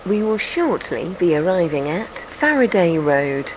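Lively low-pitched onboard train announcement voice, woman. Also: unhurried, low-quality recording. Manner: polite, formal announcer phrasing. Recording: loud hiss with clicks.

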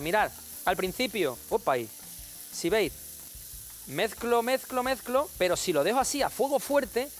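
A man with a high, fairly bright voice cooks on a TV show from a studio kitchen, bantering playfully with viewers as if they were family while walking through a recipe.

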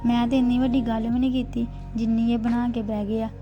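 Plaintive young wife, played by a woman, high and quick. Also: flat delivery, highs cut off, faint music behind, natural voice. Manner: pleading, plaintive. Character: young wife pleading for her husband's care. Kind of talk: amateur family drama.

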